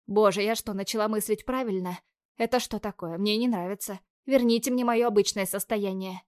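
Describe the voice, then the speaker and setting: A woman's voice: medium pitch, steady tone, brisk, darkish tone, no room sound. Young woman narrating wryly, dry close sound. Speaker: audiobook narrator. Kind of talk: first-person novel narration.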